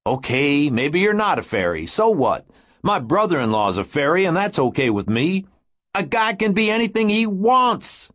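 A man voicing a big, agitated, blustering man who talks in a husky, urgent voice. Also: on the high side, big pitch swings, normal speed, pitched above the performer's own voice. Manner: shouting, urgent, withering.

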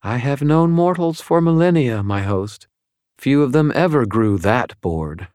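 A stern, ancient female fallen angel, as a male narrator puts her on, speaking in formal, measured sentences full of disdain. She sits clearly higher than a deep male voice would, with a cold, deliberate delivery in a storybook reading. The sound is close and dry, with no room around it. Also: lively intonation, a little mellow, dry recording, natural voice. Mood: disdainful.

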